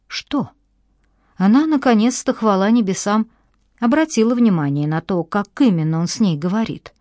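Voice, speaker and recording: A woman narrating an audiobook in a measured storytelling manner, recorded close to the mic. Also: mid-range voice, dark tone, dry recording. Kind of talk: scripted narration.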